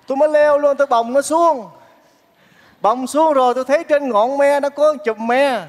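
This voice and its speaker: An actor playing a kind-hearted bachelor neighbor in a stage comedy, talking in a soft, coaxing, earnest way. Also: male voice, extremely high pitch, moderate pace. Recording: reverberant theater stage, faint music.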